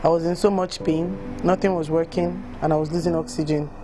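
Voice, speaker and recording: A woman with a Nigerian accent and a low, steady voice reads personal accounts aloud a little quickly, then speaks candidly about them as a volunteer reader. A music bed runs beneath her voice.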